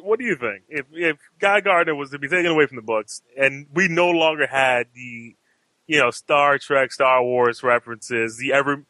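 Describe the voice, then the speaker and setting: A man with a bright, forceful voice hosts a casual comics podcast. He rambles with restarts and throws questions to the panel. The sound is dry and close to the mic. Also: mid-range voice, dry recording, poor audio. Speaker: podcast host. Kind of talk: casual chat.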